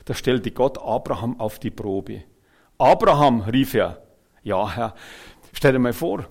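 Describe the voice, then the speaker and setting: Man preaching a lively sermon. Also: medium pitch, gravelly. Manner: animated, swings between loud and soft, chuckles; addresses listeners directly.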